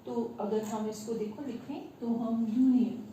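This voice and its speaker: A woman teacher with an Indian English accent explaining grammar to her class, slowly and with many questions to her students. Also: a little high, fairly even intonation, warm tone. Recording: echoey room, far from the mic, faint hiss.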